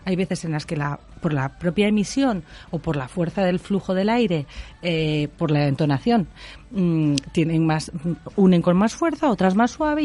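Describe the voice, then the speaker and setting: A woman from Spain, a speech therapist, calmly explaining breathing and voice use in a radio interview. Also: fairly low pitch. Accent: Spain Spanish. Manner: calm, explanatory, many tag questions.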